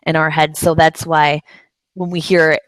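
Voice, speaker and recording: This host of a casual live video chat, a Bay Area woman, has a deep, level voice and speaks at a normal pace with no room sound. Her talk is loose and meandering, with lots of fillers and false starts.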